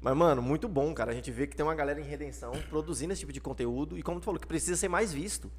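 A man with a Brazilian Portuguese accent and a slightly high voice talks very quickly. He co-hosts a podcast in loose, slangy conversation, repeating phrases for emphasis. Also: husky. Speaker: podcast co-host. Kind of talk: casual banter with slang.

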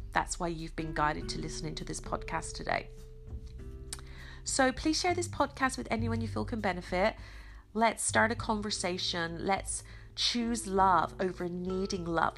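A middle-aged woman with a slightly hoarse, croaky voice hosts a motivational podcast, speaking earnestly and encouragingly with emphatic pauses. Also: on the low side, fairly bright tone. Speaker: podcast host. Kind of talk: motivational self-help monologue.

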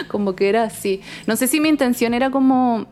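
A woman's voice: on the high side, normal speed. Slangy Chilean woman telling stories. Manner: slangy, animated storytelling with frequent laughter. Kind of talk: casual chat.

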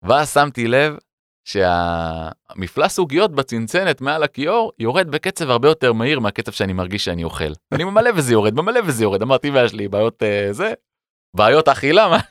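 A man telling an animated personal story in a casual conversation, acting out the voices of people in it. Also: medium pitch, no room sound, clean studio sound. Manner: animated, acts out voices in his anecdotes. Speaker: educator and podcast guest.

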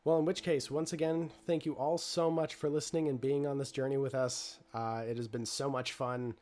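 A man's voice: mid-range voice, fairly even intonation, normal speed, darkish tone. A man hosting a tabletop role-play podcast, wrapping up the show in an upbeat way with lots of "uh" fillers. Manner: upbeat, promotional, with many "uh" fillers. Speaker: storyteller and podcast host. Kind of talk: podcast sign-off.

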